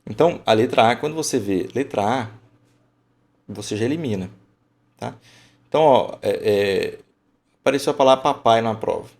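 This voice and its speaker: A man's voice: mid-range voice, lively intonation, moderate pace, gravelly, long pauses. A man teaching an online lesson, emphatic and colloquial, thinking aloud as he explains.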